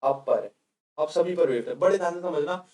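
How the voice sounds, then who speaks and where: A man's voice: fairly high pitch, fairly quick, a little mellow, echoey room, far from the mic. A male coaching teacher giving a casual classroom vocabulary lecture. He keeps asking his students questions as he explains.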